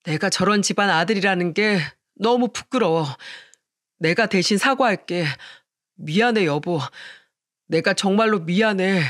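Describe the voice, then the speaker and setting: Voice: medium pitch, unhurried, fairly bright tone, no room sound, clean studio sound, lightly acted. A narrator doing an earnest, pleading husband. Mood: apologetic, tender. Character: pleading, protective grown son and husband.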